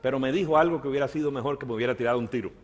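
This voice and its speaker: A male pastor preaching a sermon, telling a story with quiet asides that rise to loud, emphatic preaching. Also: mid-range voice, very fast. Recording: long hall reverb.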